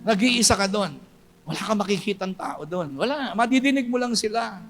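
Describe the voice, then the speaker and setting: Emphatic high-voiced pastor preaching. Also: male voice, animated, normal speed, faint music behind. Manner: emphatic preaching, swinging between loud cries and low hushed storytelling. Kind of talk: sermon.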